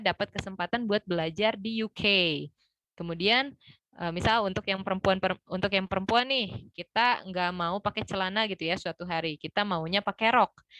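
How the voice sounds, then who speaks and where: A woman's voice: mid-range voice, a bit bright, no room sound. A young woman teaching an online English class, explaining step by step with frequent fillers. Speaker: English tutor.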